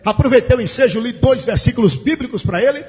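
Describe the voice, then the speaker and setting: A male pastor, telling a story in a sermon with fervent preaching that rises to shouts. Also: extremely high pitch, expressive, fast talker, slightly rough. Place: large church. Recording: echoey church hall, dull lo-fi sound.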